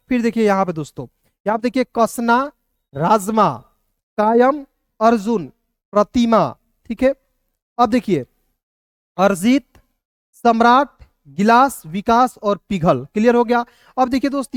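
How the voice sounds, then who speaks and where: A man teaching a spelling lesson, slowly spelling words out letter by letter and checking that listeners follow. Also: high voice, no room sound, studio quality. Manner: slow, patient, repeats letters one by one; calls listeners "friends" often.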